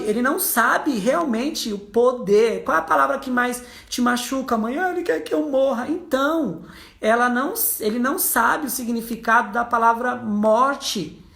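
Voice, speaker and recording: Brazilian woman psychologist, fairly high voice, animated storyteller, roomy echo. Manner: lively storyteller who acts out quoted voices. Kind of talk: casual explanatory talk to viewers.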